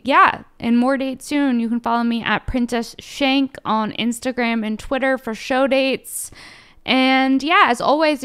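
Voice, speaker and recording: A woman's voice: on the high side, a bit bright, clean tone. A young woman hosting a podcast, reading her intro and a sponsor ad in a playful, jokey, upbeat way. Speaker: podcast host.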